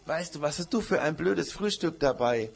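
A man's voice: fairly high pitch, animated, gravelly, husky, pitched above the performer's own voice, full character voice. A man doing a mocking little goat. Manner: mocking, laughing, drawn-out taunts.

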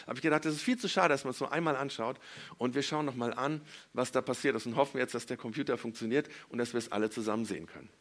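Lively man telling Bible stories to kids. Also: mid-range voice. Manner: lively, acts out quotes with big swings in loudness. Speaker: children's church leader.

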